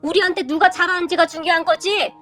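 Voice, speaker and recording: A woman's voice: very high-pitched, fairly even intonation, fast talker, fairly bright tone, faint music behind. A woman doing a stern scheming older mother-in-law. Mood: scornful. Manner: blunt, scolding.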